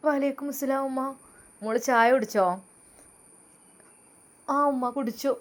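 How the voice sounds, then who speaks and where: A woman doing a hurt, gentle young wife. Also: high voice, fairly even intonation, measured pace. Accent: Malappuram Malayalam. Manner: soft, respectful, self-reproaching.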